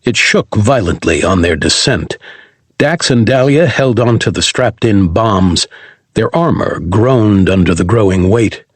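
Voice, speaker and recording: A man reading a sci-fi audiobook aloud in an animated, dramatic way. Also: on the low side, unhurried, breathy edge, no echo. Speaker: audiobook narrator. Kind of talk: scripted audiobook narration.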